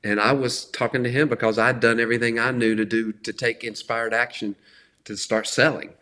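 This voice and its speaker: A middle-aged man giving an earnest, conversational talk on faith, slowing down to stress key words. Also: medium pitch, little pitch movement, bright, forceful tone. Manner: earnest, emphatic, often slows for stress. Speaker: faith speaker.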